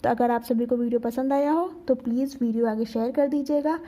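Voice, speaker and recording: High-voiced woman teaching a lesson. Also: fairly even intonation, a little fast, mellow. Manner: explains step by step, often checking "ठीक है"; poses questions and answers them herself. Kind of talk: grammar lesson.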